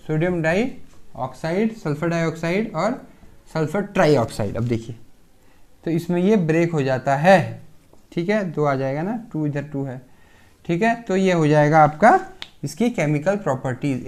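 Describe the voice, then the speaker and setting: A man's voice: on the high side, darkish tone. A man giving a casual pharmacy chemistry lecture. He explains step by step, asks himself questions and answers them, and keeps checking in with "theek hai".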